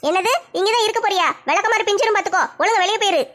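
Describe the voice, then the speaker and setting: A woman putting on a fiery middle-aged mother in a comedy skit, tender with her child but ready to fight. Her voice is high and bright, snapping out threats at a quick clip. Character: fierce middle-aged mother, loving but hot-tempered.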